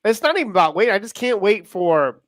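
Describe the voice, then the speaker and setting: A man with an American accent co-hosting a live show in casual, excitable, rambling talk that often interrupts itself. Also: sits high, quick pace, no room sound, clean studio sound. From United States. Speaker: show co-host.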